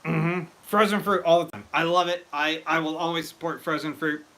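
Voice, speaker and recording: An excitable man rambling through a casual brewing livestream, greeting viewers as he goes. His voice is very bright and sharp, and it sits a bit high for a man. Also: moderate pace. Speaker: livestream host. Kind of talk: casual live-stream chat while brewing mead.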